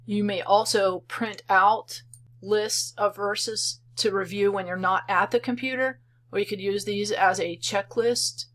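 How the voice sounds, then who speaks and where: A woman narrates a screen-recorded tutorial for software she created herself. Her pitch is an ordinary middle range, and she explains each step in turn, calmly and methodically.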